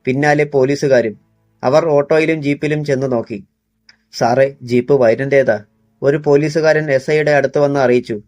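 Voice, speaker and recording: A man narrates a crime thriller with tense, dramatic pacing. His voice sits a little high for a man and the recording is dry and close. Faint background music runs under the reading. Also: fairly even intonation, a little fast, a little mellow, no room sound. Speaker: audiobook narrator.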